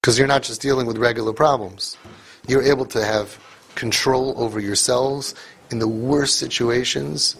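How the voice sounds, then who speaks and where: A man gives an emphatic motivational talk to parents, repeating phrases for force and mixing in Yiddish and Hebrew words. His medium-pitched voice has vocal fry and a steady tone at normal speed. The recording is rough, with a little hiss or hum.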